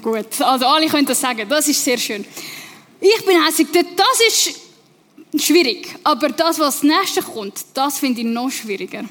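A woman with a Swiss German accent preaching a sermon in a lively, conversational way, slowing down for emphasis. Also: high-pitched. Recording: long reverb in a large hall.

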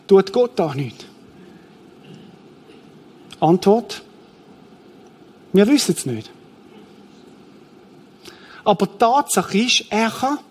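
A middle-aged man preaching a sermon, telling the story vividly and acting out the scene. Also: very high-pitched. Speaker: pastor.

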